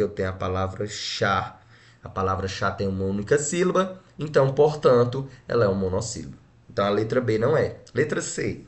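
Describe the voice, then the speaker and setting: A Brazilian man teaching a grammar lesson, splitting words syllable by syllable and checking in with short tag questions. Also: lowish voice. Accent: Brazilian Portuguese. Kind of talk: exam-prep grammar lesson.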